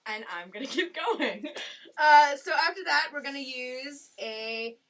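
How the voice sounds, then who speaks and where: Woman, kitchen helper, lively pitch, quick quips, off-mic, pots and dishes clattering. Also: distant mic. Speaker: co-host and helper. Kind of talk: casual chat while cooking. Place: home kitchen.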